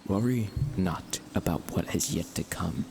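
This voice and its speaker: A mysterious divine guide, voiced by a man gives solemn, measured counsel in a very deep, gravelly half-whisper. A steady hiss of noise sits under the voice. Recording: noisy background hiss.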